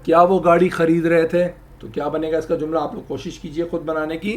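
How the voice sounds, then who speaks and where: A man teaching English grammar, explaining slowly and repeating example sentences. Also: a little high, little pitch movement, a little mellow. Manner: addresses viewers, asks them to try. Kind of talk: spoken language lesson.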